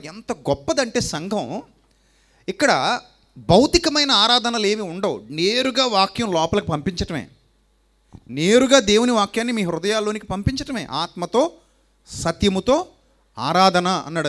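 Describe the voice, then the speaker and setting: High-voiced Telugu preacher asking questions. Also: male voice, fairly bright tone. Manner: rhetorical questions, repeats lines for emphasis. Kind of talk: sermon.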